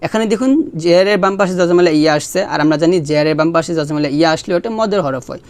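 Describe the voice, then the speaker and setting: A man teaching Quran recitation step by step, spelling out letters and vowel marks, then chanting each verse slowly for students to repeat. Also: a little high, clear, resonant tone. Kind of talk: slow step-by-step recitation lesson.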